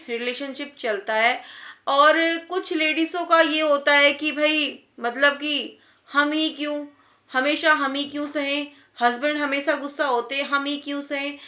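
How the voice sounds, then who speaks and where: A woman's voice: sits high, pushed and bright, roomy sound. A woman giving earnest, repetitive advice in a casual talk to wives. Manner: earnest, repeats points for emphasis. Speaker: advice vlogger.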